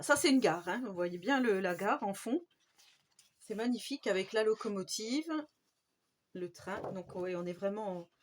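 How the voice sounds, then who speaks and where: A woman's voice: medium pitch, slight background noise. A woman with a French accent hosting a casual craft vlog, chatty and enthusiastic, with many fillers. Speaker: scrapbooking channel host.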